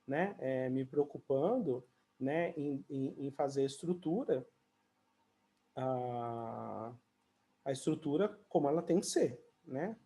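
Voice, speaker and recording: A man from Brazil with a warm, expressive mid-range voice teaches English through an online conversation class. His style is chatty, with "né" and "ó" filling his pauses, and he sings or elongates his English example sentences.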